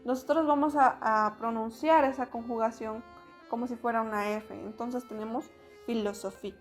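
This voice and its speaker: A woman's voice: a little high, steady tone, normal speed, faint music behind. A woman teaching French pronunciation in a spoken lesson, explaining patiently with fillers.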